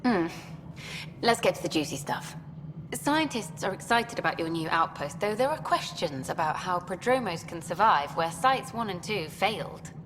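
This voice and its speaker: An actress playing an upbeat female documentary journalist in a video game, talking in a brisk, lively interviewing manner. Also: lowish voice, in a large hall, background noise, natural voice. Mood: bright, eager.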